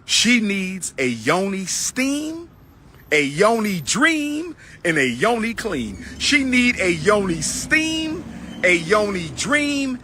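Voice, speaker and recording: His voice is high-pitched and sing-song, slow, and sharp, with a little hiss or hum in the audio. The speaker, a middle-aged livestream host, rants and preaches to viewers he calls brothers and sisters, then has a chat with a caller.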